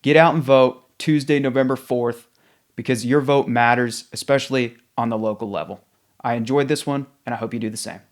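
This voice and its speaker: A man's voice: mid-range voice, fairly even intonation, brisk. Direct, opinionated male podcast host. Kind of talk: podcast interview.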